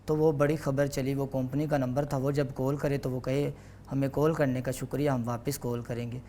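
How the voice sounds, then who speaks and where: A man's voice: mid-range voice, little pitch movement, warm tone, slight background noise. Easygoing young male mimic. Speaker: guest mimic. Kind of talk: casual interview chat.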